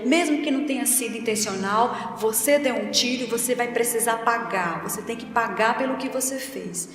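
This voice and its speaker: A woman putting on a stern, shouting male politician. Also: extremely high pitch, moderate pace, a little hiss or hum. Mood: stern refusal. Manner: shouting, incisive, raised voice. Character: angry stern male politician refusing forgiveness. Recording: echoey hall from far off, faint music.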